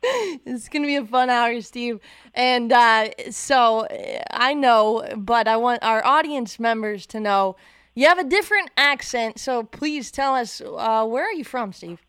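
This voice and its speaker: A woman hosting a radio talk show from a studio, chatty and quick to laugh. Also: on the high side, animated, fairly bright tone, clean tone, dry recording.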